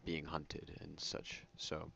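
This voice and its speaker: A soft-spoken man giving casual, rambling ASMR commentary on a video game, correcting himself as he goes. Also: completely flat delivery, slow pace, vocal fry. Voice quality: soft-spoken, low voice without whispering. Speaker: YouTube game channel host. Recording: muffled audio under prominent music. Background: music.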